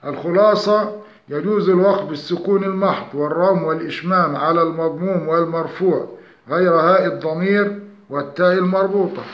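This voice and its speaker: A male teacher with a slightly high voice explains recitation rules point by point, calm and methodical, slowing down to recite examples. The room rings with echo, and the lo-fi recording sounds dull. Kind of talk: structured lesson on recitation rules.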